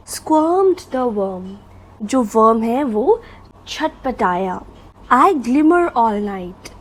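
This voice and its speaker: A woman teaching a children's poem, reading the English lines slowly and explaining them in Hindi. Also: on the high side, slightly rough, poor audio.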